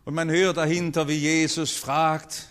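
A man delivers a sermon in a high, unhurried voice. He speaks earnestly and swings between hushed, low passages and loud, rising ones. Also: level tone. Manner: earnest, with strong rises and falls in pitch and loudness. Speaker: preacher.

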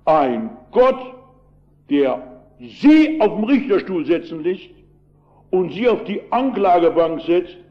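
An older male pastor preaching a sermon with emphatic storytelling, moving between loud and quiet delivery. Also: sits high, very animated, takes it slowly, pauses often, dull audio.

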